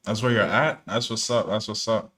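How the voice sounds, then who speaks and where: A young day trader streaming live, born in New Jersey to parents from Ghana, talks casually and laid-back, using slang and plenty of fillers. His lowish voice is bright and forceful, with fairly even intonation at a moderate pace.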